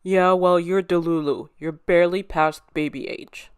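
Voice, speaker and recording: A woman's voice: lowish voice, fairly even intonation, moderate pace, clear, resonant tone, voice pushed down, natural voice. A woman plays a grumpy preteen big brother who answers bluntly and with little patience. The sound is dry and close, with no room echo. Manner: blunt, impatient.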